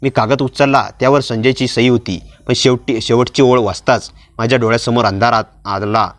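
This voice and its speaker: A man's voice: mid-range voice, fairly even intonation, moderate pace, no room sound. Man narrating a dramatic story. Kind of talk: first-person story narration.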